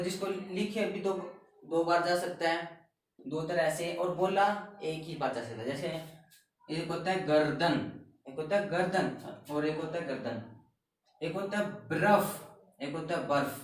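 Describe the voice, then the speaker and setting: A man's voice: a little high, normal speed. A man teaching Hindi grammar, explaining spelling in a classroom style and keeping up a string of questions he answers himself. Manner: repetitive, keeps asking and answering his own questions. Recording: very echoey room, distant mic.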